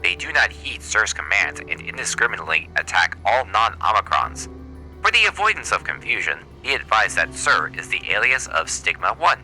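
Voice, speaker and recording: Brief: man voicing a monotone robot trooper from a game, very low and sharp-edged, clipped and emotionless. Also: moderate pace, soft background music, heavily acted, poor audio. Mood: flat robotic. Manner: flat, clipped robot-voice delivery. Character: cold, monotone male robot soldier, matter-of-fact. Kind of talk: reading game dialogue aloud in character.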